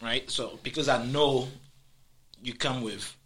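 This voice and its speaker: A man's voice: mid-range voice, fairly even intonation, fairly bright tone, breathy edge. A man hosting a casual chat, asking easygoing questions and laughing often. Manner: probing, easygoing, quick to laugh.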